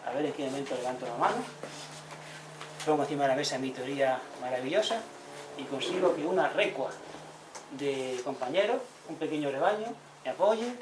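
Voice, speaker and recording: Man giving a lively talk in an echoey hall. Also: a little high, noisy background. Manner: lively storyteller acting out quoted villagers. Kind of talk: public talk, anecdotal lecture. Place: squatted social centre hall. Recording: echoey room, voice from far off.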